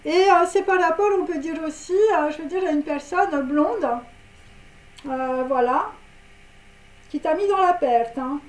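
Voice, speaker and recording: This tarot reader speaks a little slowly in a high-pitched voice, her words echoing around the room. Casual and rambling, she piles on fillers and tag words and giggles whenever she makes a joke.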